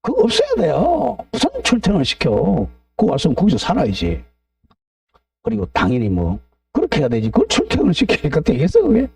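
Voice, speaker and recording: A man's voice: a little high, wildly swooping pitch, fairly quick, gravelly, darkish tone, husky, dry recording, distant mic, soft background music. A middle-aged man teaching a real estate law class, drifting into blunt, ranting asides and asking the class to agree. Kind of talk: lecture with opinionated digressions.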